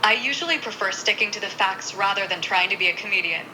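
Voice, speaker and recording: A woman's voice: mid-range voice, fast talker, a little hiss or hum, poor audio. A woman's synthetic voice as a chatty desk-robot assistant. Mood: playful. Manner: polite, lightly joking, smooth even delivery. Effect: synthetic text-to-speech robot assistant voice. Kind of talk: device voice assistant replies.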